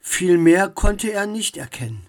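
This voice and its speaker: A woman narrating a children's audiobook in a measured, expressive storytelling manner. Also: lowish voice.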